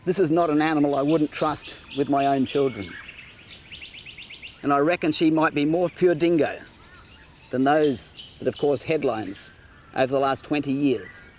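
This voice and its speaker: A man's voice: a little high, moderate pace, a little mellow, dull audio, a little hiss or hum. A man presenting outdoors in an easygoing way and chatting to his dog. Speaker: wildlife presenter. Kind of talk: presenting to camera.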